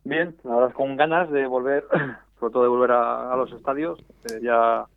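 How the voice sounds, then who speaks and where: A man's voice: medium pitch, fairly even intonation, normal speed, gravelly. A man from Spain, president of a supporters' club federation, calling in to a radio interview over a landline phone. He talks hesitantly, often repeating and restarting words. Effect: heard over a landline phone. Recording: tinny, dry phone line.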